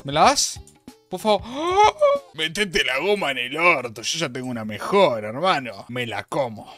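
A young man with an Argentine accent commentates his own gameplay in a slightly high voice, trailing off into mumbled asides and then suddenly blurting out loud excited outbursts. He swears constantly in a relaxed, joking way. Faint game music plays quietly behind him. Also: normal speed. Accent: Argentine Spanish. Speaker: gaming YouTuber.

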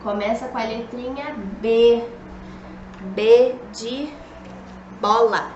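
A woman's voice: a little high, steady tone, takes it slowly, a little mellow, slight background noise. Patient young woman teaching small kids. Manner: patient, coaxing, talks to kids as "a tia", many "ó" and "tá bom?". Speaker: preschool teacher. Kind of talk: recorded video lesson for small children. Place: classroom with a whiteboard. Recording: dull echoey room recording.

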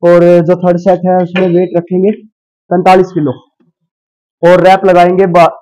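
A man's voice: high voice, completely flat delivery, moderate pace, darkish tone, rough recording. A man, explaining a workout in a large indoor gym and counting reps aloud for viewers. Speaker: gym trainer and fitness vlogger. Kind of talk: casual workout instruction. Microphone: lapel.

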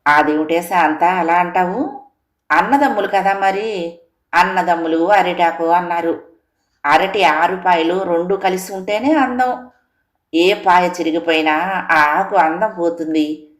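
A woman voicing an elderly mother-in-law who dotes on her sons, speaking slowly and drawn out in a chiding tone. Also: mid-range voice, roomy sound, pitched above the performer's own voice, lightly acted. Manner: slow, drawn-out, scolding tone.

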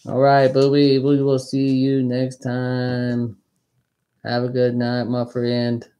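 A woman's voice: a bass voice, completely flat delivery, slow pace, mellow, muffled recording. A woman hosting a live coin auction stream, chatting casually and calling out bids with a playful auctioneer patter.

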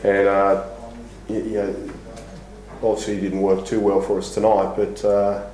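A middle-aged man speaks bluntly as a coach at a press table, restarting his sentences often. His voice is low, and the small room gives it a clear echo. A faint hiss sits under the recording. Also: monotone, unhurried, mellow. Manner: frank, blunt, lots of restarts and fillers. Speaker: basketball head coach. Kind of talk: post-match press conference. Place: small press room before a sponsor backdrop. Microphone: table mic on a stand.

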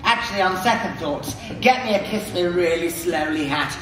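Shrill camp pantomime dame. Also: male voice, expressive, normal speed, recorded from a distance. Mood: cheeky. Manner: shrill, camp, theatrical, addressing the audience. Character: camp, vain, bawdy pantomime dame, Billy's mum. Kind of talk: pantomime stage comedy. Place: large theatre stage. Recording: echoey theatre stage, music and crowd noise.

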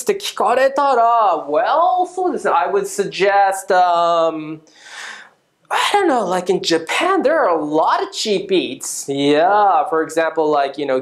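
In a video lesson on English pronunciation, a woman with a lowish voice drills phrases slowly and cheerfully, switching between Japanese and English.

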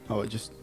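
A young man from the Netherlands, whose English has a British-style accent, streams a game from a small room at home. He chats casually, giggles often, and reads both chat and game text aloud.

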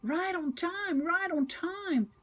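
A woman voicing a cheerful, eager young male tank engine in a children's storybook, repeating short phrases excitedly. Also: very high-pitched, slow pace, voice pushed up, heavily acted.

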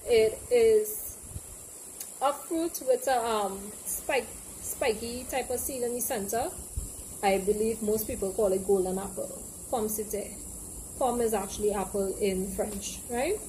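A woman's voice: fairly high pitch, unhurried, warm tone, low-quality recording. A young woman with a Trinidadian Caribbean accent gives a casual, playful explanation to camera, slipping into local dialect examples. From Trinidad and Tobago. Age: young adult. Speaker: language teacher and presenter. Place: outdoor open porch with trees behind. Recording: clear background noise, outdoor ambience.

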